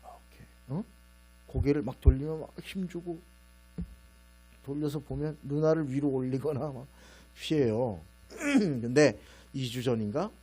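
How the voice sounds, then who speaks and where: A man's voice: animated, a little slow. Middle-aged man preaching in a chatty way. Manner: conversational storytelling, acts out his own stern and gentle voices. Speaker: pastor. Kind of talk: sermon. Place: church sanctuary. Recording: low mains hum behind the voice.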